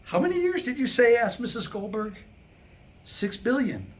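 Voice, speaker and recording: Very high-voiced with big pitch swings, a man in his sixties moves at a moderate pace through a staged reading of jokes and comic monologue. He wryly acts out the dialogue, captured in a live room recording with background noise.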